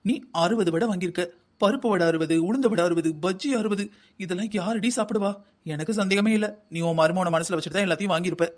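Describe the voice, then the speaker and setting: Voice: mid-range voice, fast talker, lightly acted. A performer voicing a grumbling older husband in a family cartoon, nagging his wife in a South Tamil Nadu accent. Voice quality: scolding, nagging. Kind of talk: cartoon family comedy acting.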